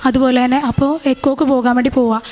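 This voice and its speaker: A woman's voice: high voice, steady tone, fast talker, darkish tone. A young woman giving a personal religious testimony, hesitant, with many fillers and restarts. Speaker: testimony giver.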